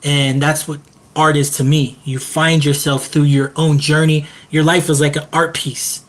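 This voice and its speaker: A man speaking as a hip-hop artist on a panel, earnest and measured, with a rhythmic, reflective delivery. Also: fairly high pitch, little pitch movement, a bit bright.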